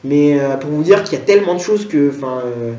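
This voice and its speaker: A man talks casually and rambles, circling back with hums and restarts. His pitch sits in a middle range. The sound is roomy and dull, like a lo-fi recording. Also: expressive, fairly quick, warm tone, distant mic. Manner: rambling, lots of fillers and restarts. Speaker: comedian. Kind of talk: casual talk to camera.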